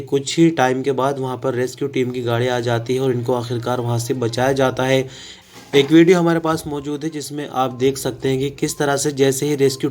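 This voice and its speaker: A man presenting an online news bulletin as voice-over, reading his script in a steady, even way. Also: mid-range voice.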